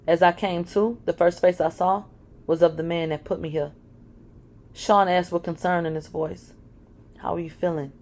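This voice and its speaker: Woman telling a dark story in first person. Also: fairly low pitch, steady tone, moderate pace, slight background noise. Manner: emotional, blunt, with swearing. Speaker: narrator.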